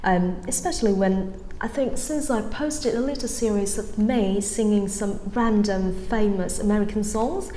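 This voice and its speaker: A young Vietnamese woman in her twenties, an English-learning YouTuber, gives a chatty, rambling vlog-style lesson full of ums and restarts. Her medium-pitched voice is warm and moves at normal speed, with a light Vietnamese-tinged accent carrying British touches. The echoey room adds faint ambience and slight background noise.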